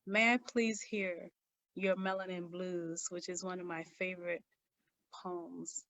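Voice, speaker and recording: A woman's voice: lowish voice, little pitch movement, unhurried, fairly bright tone. A woman hosting an open mic night, introducing poets in an enthusiastic, encouraging manner.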